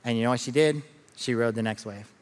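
A middle-aged man, a pastor, preaching a sermon as an animated storyteller who often repeats words at the start of a line. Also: medium pitch, fast talker, in a large hall. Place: church auditorium.

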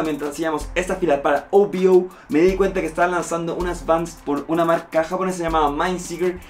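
A young man from Chile talks through his streetwear purchases, upbeat and full of slang. His voice sits a little high for a man. A faint music bed plays beneath him as he sits at a table with the camera in front of him. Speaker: streetwear vlogger. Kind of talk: casual unboxing vlog.

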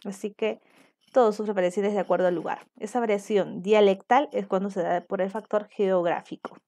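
A woman's voice: medium pitch, fairly even intonation, normal speed, warm tone. A young adult woman from Peru, teaching a virtual class and explaining points while checking in with her students. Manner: explanatory, asks students for confirmation.

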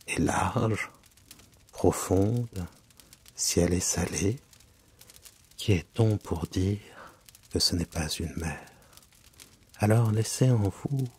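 Husky, gravelly male hypnotic reader. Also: deep voice. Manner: slow, soft and soothing. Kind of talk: hypnotic ASMR story reading.

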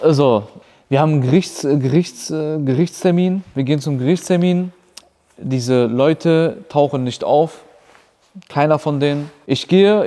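Male vlogger, fairly high but dark, mellow voice, animated storyteller, long reverb on the recording. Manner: animated retelling, acts out quoted dialogue. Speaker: car rental business owner. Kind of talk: storytelling vlog.

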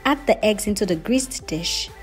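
A woman's voice: medium pitch, expressive, moderate pace, faint music behind. A woman hosting her cooking channel, giving friendly step-by-step instructions in a voice-over. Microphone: voice-over, not recorded on camera.

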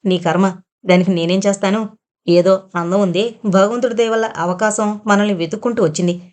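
A domineering, hard-pressed mother from a storybook audio novel, voiced by a woman narrator. She pushes, coaxes and scolds in a mid-pitched voice, every line pressing her case. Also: steady tone, fairly quick, darkish tone, natural voice. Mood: scolding. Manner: pushy and persuasive, scolding. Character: poor, scheming, domineering middle-aged mother. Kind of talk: audiobook character reading.

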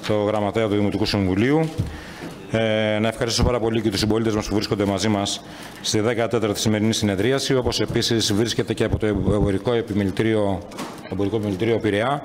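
A man's voice: fairly low pitch, a little hiss or hum. A man presiding over a municipal council session, politely urging members to their seats and giving the floor in a formal, courteous manner. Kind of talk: chairing a municipal council meeting.

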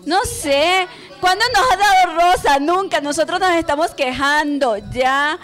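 Bubbly high-voiced Venezuelan woman. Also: measured pace, fairly bright tone. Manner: bubbly, laughing. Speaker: co-host. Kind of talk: casual studio chat. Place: TV studio set. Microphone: handheld mic.

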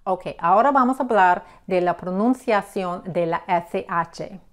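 Slow patient woman teaching pronunciation. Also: mid-range voice. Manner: patient, repeats examples, checks with "ok?". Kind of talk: slow explanatory lesson.

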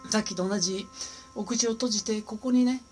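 A man's voice: high voice, normal speed, music in the background. A man giving a casual singing lesson. He chats and demonstrates sustained sung vowels and humming, recorded on a smartphone. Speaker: vocal coach.

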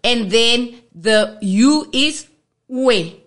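A woman's voice: on the high side, expressive, measured pace, a bit bright. A woman with a South African accent, a guest patiently teaching language on a radio show and spelling out letters. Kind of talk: radio interview lesson.

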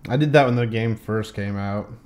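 A man's voice: lowish voice, moderate pace, a little mellow. Joking male game streamer. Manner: joking, teasing banter. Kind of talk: casual gaming chat.

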